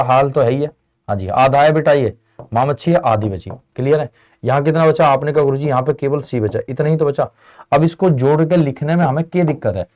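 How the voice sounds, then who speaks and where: A man's voice: fairly high pitch, a little mellow. A young man teaching a lesson in a chatty way, often asking students whether they follow. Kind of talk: classroom lesson.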